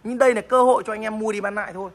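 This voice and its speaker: A man from the north of the country, showing off a motorbike for sale in a casual vlog, with fast salesman patter and short repeated tags. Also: high voice, steady tone, a bit bright. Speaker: motorbike dealer vlogger.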